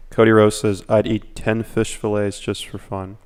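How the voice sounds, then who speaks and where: A man with a somewhat low voice chats loosely on a podcast livestream. He jokes around and reads messages from the chat. His tone stays playful and relaxed. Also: moderate pace. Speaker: podcast co-host.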